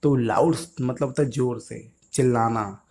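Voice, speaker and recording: Man, teacher, patient, asks and answers his own questions, warm mellow tone. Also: medium pitch, measured pace, gravelly. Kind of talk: explaining English vocabulary to young children.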